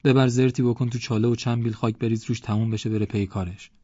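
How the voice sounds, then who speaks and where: A man voicing a loud, boastful village man who mocks and rants. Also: medium pitch, fairly even intonation, dry recording, voice pushed up, close to an everyday voice. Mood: blustering. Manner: mocking, blustering, rambling complaints. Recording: dull lo-fi audiobook recording.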